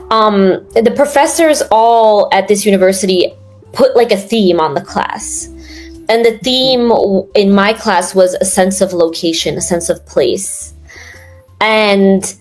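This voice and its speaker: Young adult woman from New York, casual interview guest, rambling and filler-heavy, mid-pitched voice, faint music underneath. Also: a little mellow. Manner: rambling, many fillers and restarts.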